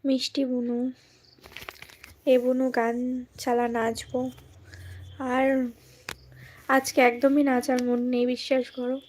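A woman from West Bengal chats with her viewers on a live stream, high-pitched but flat in melody, with a mellow, darker tone. She has a cold and keeps her voice soft and unhurried. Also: a little hiss or hum. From West Bengal, India. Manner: speaks softly and slowly.

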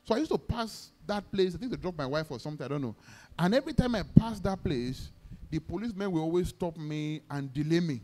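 Man, Nigerian accent, pastor, sermon, fairly high voice, very lively pitch, exclamatory praise shouts, call-and-response. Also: brisk, a little hiss or hum. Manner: leads congregation in call-and-response declarations; vivid storytelling, acts out dialogue.

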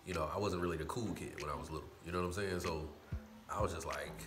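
A man's voice: deep voice, fast talker, roomy sound, music in the background. A man hosting an eating video, telling a laid-back, colloquial story and often repeating "you know what I'm saying". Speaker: mukbang host.

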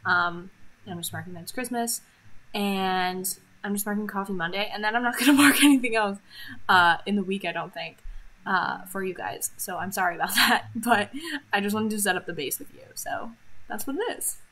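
A woman's voice: mid-range voice, normal speed, pushed and bright, poor audio. A woman vlogger chatting casually over her planner setup, rambling with lots of ums and little laughs.

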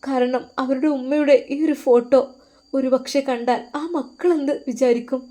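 A woman's voice: high voice, fairly even intonation, moderate pace, mellow. Woman telling a sorrowful story. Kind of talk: emotional religious story narration.

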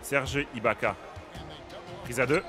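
A young gaming streamer plays a basketball video game, commentating in an excitable, casual way and often shouting at the action and laughing. His voice is medium-pitched and slow-paced, with music playing in the background.

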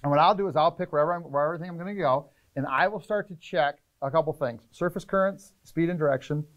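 Animated middle-aged man explaining fishing plans. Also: fairly high pitch, lo-fi sound. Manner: energetic, gestures a lot, lists points rapidly. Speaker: fishing charter captain, guest. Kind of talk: casual explanatory interview talk. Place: fishing tackle shop room, indoors.

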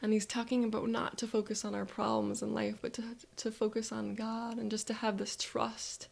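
Woman narrator, guided visualization, flat, fry-heavy delivery, slips into whispers. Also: fairly high pitch, normal speed. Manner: soft, reflective, drifting into whispers.

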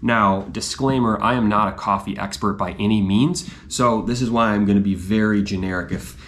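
A man's voice: fairly low pitch, steady tone, normal speed, fairly bright tone, a little hiss or hum. A young man talking casually to the camera as a running vlogger, chatty and self-deprecating. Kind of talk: casual vlog chat.

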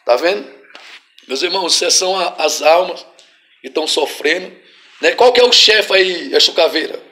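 A Brazilian man with a high voice leads a deliverance prayer as a pastor. He drives it with forceful, repeated commands and breaks into sudden shouts. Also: animated, normal speed. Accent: Brazilian Portuguese.

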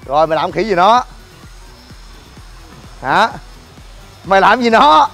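Exasperated joking man, high voice. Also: animated, measured pace, a bit bright, faint music behind. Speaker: vlogger and gym owner. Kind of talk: casual complaining vlog. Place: outdoors by a car at a gym.

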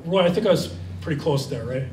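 A man's voice: a little high, animated, fast, mellow, slight background noise. A young man from Vermont answering audience questions at a library talk, full of fillers and restarts. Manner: rambling, many fillers and restarts. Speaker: guest speaker. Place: library event room. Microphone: handheld mic. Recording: roomy sound from far off.

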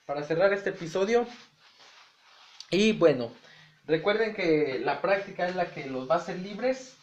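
A man's voice: sits high, unhurried. A man teaching an exam-prep lesson in a chatty way, repeating words and checking in with "ok?". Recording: echoey room, dull lo-fi sound.

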